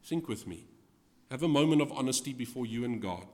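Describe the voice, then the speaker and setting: A man preaching as a guest in a church, moving from hushed lines to loud, dramatic readings of scripture. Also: medium pitch, lively intonation, a little fast. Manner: swings from hushed to loud, acting out scripture quotes. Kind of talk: sermon. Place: church hall. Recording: reverberant hall.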